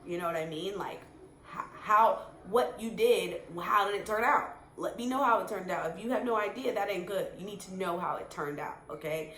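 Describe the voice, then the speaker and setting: A woman vlogger talking casually to camera, full of fillers and repeated words. Her voice sits at a middle pitch. The room is echoey, and faint noise sits behind her. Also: normal speed, fairly bright tone. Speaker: vlogger giving career advice. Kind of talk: casual advice talk to camera.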